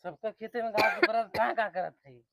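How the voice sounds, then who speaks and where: A man's voice: high-pitched, moderate pace, gravelly, fairly bright tone, dry recording, highs cut off. Man playing a stubborn, mumbling village drunk husband. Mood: defiant. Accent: eastern Uttar Pradesh, Awadhi-Bhojpuri. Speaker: actor in a village comedy sketch. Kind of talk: rural comedy sketch acting.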